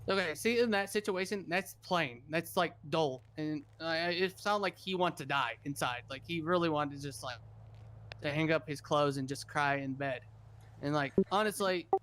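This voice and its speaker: Rambling man with a slightly high voice. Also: moderate pace, fairly bright tone. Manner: rambling, repeats himself, talks over others. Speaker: governor in a roleplay server. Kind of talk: casual roleplay chat.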